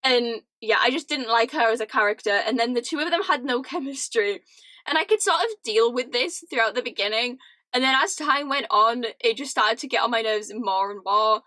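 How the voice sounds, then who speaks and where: A young British woman ranting casually to camera, animated and laughing often, with lots of "like". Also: a little high, normal speed, dry recording. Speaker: vlogger. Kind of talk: casual chatty rant to camera.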